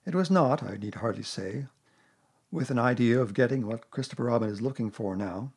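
A man's voice: medium pitch, lively intonation, a little fast, darkish tone, breathy edge. A man voicing a gloomy, self-important donkey in a storybook, speaking in a doleful, ponderous, long-winded way. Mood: pompous. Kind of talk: storybook character voice.

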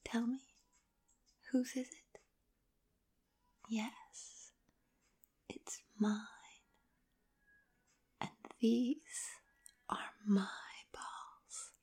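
A woman whispering an intimate roleplay in a teasing, commanding way, with soft hums between her phrases. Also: a little high, fairly even intonation, drawn-out words, pauses often, slightly rough.

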